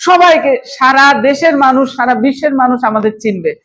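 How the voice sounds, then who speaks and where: A woman's voice: high-pitched, animated, a little fast, a bit bright, poor audio. A woman with a Bangladeshi accent teaching a children's spoken English class, coaxing the room and checking "okay?" again and again. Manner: coaxing, repeats "okay?" often, mixes Bengali and English.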